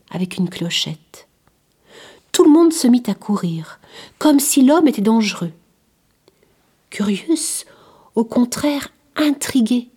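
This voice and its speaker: A woman narrating a storybook tale softly, often dropping to a whisper. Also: on the high side, breathy edge. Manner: soft, often hushed to a whisper.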